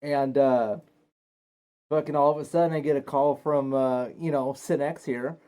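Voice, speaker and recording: A man's voice: medium pitch, steady tone, moderate pace, mellow. A young man telling his side of a story in a laid-back, rambling, profane way as a guest. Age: young adult. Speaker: guest, host's partner. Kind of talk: casual storytelling chat.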